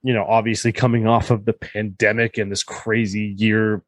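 A man's voice: on the low side, flat delivery, moderate pace, no echo. A man chatting casually on a podcast, enthusiastic and peppering his talk with "like". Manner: enthusiastic, uses "like" a lot. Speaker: podcast co-host. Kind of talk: casual chat among friends.

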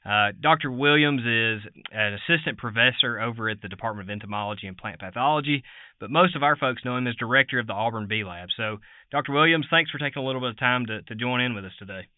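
A man hosting a farm podcast interview, halting and repeating words, laughing easily. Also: medium pitch, no room sound. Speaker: podcast host. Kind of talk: conversational interview. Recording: narrow phone-like sound, dry.

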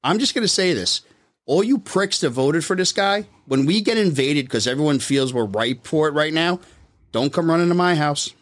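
A man's voice: fairly high pitch, lively intonation, moderate pace. A man co-hosting a podcast, blunt and profane in casual banter. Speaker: podcast co-host.

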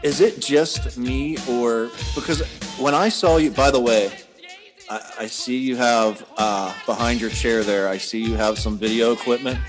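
A man hosting a relaxed interview over a video call, cracking jokes and laughing easily. He talks in a casual, loose way, and faint music plays behind him. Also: medium pitch, measured pace. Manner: joking, laughs often. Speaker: podcast host.

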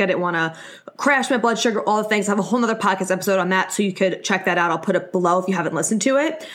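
A woman's voice: medium pitch, a bit bright. A young adult woman speaks as a podcast host with a mid-range voice. Her delivery is casual and conversational, chatting informally while she explains and advises.

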